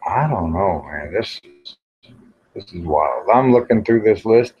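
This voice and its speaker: On dull, lo-fi audio, a livestream host in his 50s rambles casually in a low, husky, darkish voice, a little slow but animated. Folksy in manner, he mutters to himself as he browses during the live chat.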